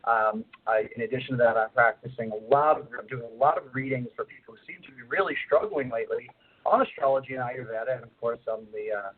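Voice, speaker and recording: Middle-aged male radio co-host phoning in, husky, muffled as if through a long tube, rambling explainer. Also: mid-range voice. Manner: rambling, unhurried explaining with many fillers. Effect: muffled distant phone line, as if talking through a long tube. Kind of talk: phone-in radio talk. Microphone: phone. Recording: tinny phone line.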